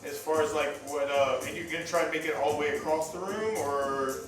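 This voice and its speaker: A man's voice: fairly high pitch, fairly quick, over music. A man acting as game master, improvising scene descriptions conversationally in a hesitant, piecemeal way. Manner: hesitant, piecemeal descriptions with many hedging words. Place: roomy indoor game gathering. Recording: echoey room, distant mic, background sound.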